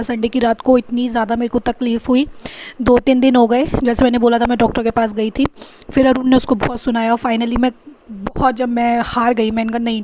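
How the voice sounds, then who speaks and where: Young woman vlogging at home, kinda high voice, venting, faint hiss behind. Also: darkish tone. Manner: chatty, venting with frustration. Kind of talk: casual vlog chat. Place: home kitchen.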